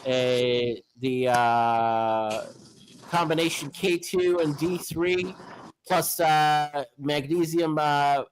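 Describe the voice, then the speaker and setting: A man in his fifties talking casually outdoors, his speech halting and full of fillers as he restarts his sentences. His voice sits a little high, with a faint noise under it. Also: rough recording. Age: 50s. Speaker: homeless livestream regular. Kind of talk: casual chat on a livestream.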